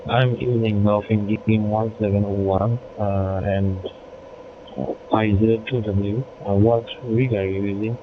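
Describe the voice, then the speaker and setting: A man from Bangladesh making a polite, halting amateur radio contact with call signs over a crackly transmission. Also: fairly low pitch, level tone. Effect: crackly digital ham radio transmission. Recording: tinny, noisy narrowband radio link.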